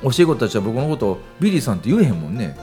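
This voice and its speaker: A man's voice: medium pitch, sing-song, very fast, warm tone, faint music behind. A man with a Kansai accent hosting a radio show, chatting in a playful, rambling way and circling back over his words as he explains. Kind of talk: casual radio chat.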